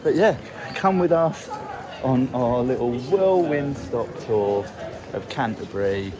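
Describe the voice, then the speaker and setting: A man's voice: medium pitch, animated, slow, a crowd in the background. A man vlogging as he walks a city street, chatty and enthusiastic. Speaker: travel vlogger. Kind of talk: casual travel vlog chat. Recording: street traffic noise. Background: traffic and street noise.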